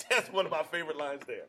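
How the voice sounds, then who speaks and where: A man's voice: fairly high pitch, bright, forceful tone, slight background noise. A tipsy man hosting a casual chat show from a bar, boisterous, profane and insistent. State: drinking, tipsy. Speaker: podcast host.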